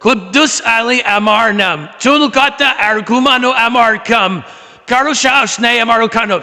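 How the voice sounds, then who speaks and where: A man's voice: very high-pitched, moderate pace, pushed and bright, in a large hall, exaggerated voice. A man voicing a cheeky, lazy cartoon passenger who teases and brags in rhymes. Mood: bragging. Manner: teasing, rhyming brag.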